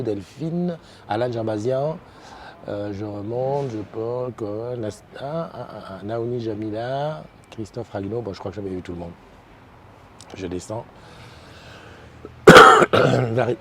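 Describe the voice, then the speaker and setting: A man with a very low voice hosts an easygoing live morning stream and chats to his viewers. He talks haltingly, with constant fillers and restarts. The recording is noisy, with passing vehicles clearly audible behind him. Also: mellow. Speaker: morning show host. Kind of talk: casual live-stream chat, reading viewer comments. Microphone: desk microphone.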